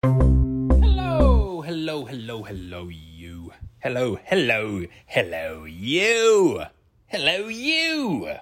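A man's voice: medium pitch, wildly swooping pitch, drawn-out words, faint music behind. A man hosting a podcast calls out a playful greeting that repeats and fades like an echo in a cave. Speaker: podcast host. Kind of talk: casual podcast intro.

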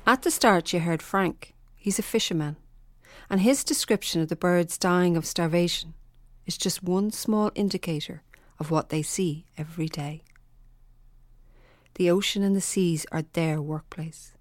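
A woman delivers scripted documentary narration, earnest and emphatic. Her voice sits low and the recording is close and dry. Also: measured pace, no room sound. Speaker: presenter.

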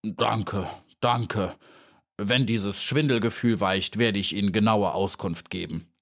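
A man's voice: on the low side, slow pace, creaky, fairly bright tone, heavily acted. A vain, self-pitying beetle drags out every word in a whiny, pompous voice, as a male narrator puts him on. The timbre sounds odd and unlike a plain speaking voice, fitting a storybook creature.

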